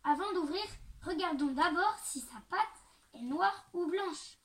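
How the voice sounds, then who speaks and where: A woman's voice: very high voice, expressive, measured pace, fairly bright tone, far from the mic, full character voice. A woman voicing a group of young goat kids in a storybook reading, calling out boldly and warily. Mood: defiant. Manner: crying out, defiant. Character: seven wary little goat kids.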